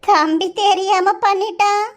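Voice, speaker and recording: Woman doing a slow soft old cartoon granny, high voice, southern tamil accent. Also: fairly even intonation. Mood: pleading. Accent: southern Tamil Nadu. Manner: slow, soothing.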